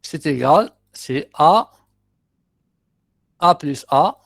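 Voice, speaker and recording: This middle-aged university lecturer has an Algerian accent and a fairly high, creaky, expressive voice with drawn-out words. He works through exercises methodically, repeating terms and tossing in short asides, in studio-quality audio with no echo.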